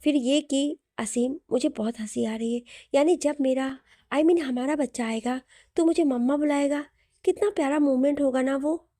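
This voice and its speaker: Brief: childlike, tearful young wife, voiced by a woman, high and bright-eyed, pleading, teasing. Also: normal speed, close to an everyday voice. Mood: playful. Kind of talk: audio story reading.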